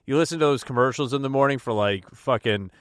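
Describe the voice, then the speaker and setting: A man's voice: mid-range voice, quick pace, no echo, studio quality. A man in his mid-forties co-hosting a podcast, chatting casually and bluntly with constant swearing. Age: 40s. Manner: profane, blunt banter. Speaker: podcast co-host. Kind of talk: casual chat.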